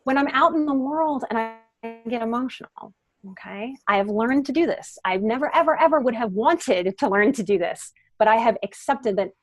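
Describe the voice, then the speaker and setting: With soft music playing behind her, a middle-aged woman speaks as a guest psychotherapist and life coach in a podcast interview. Her voice runs on the high side and sounds animated at a normal pace, and she earnestly stresses the key words.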